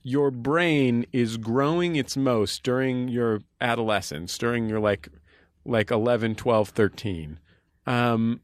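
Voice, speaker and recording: A man co-hosting a podcast, trading dry, deadpan jokes in casual banter. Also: mid-range voice, slow, no room sound. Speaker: podcast co-host.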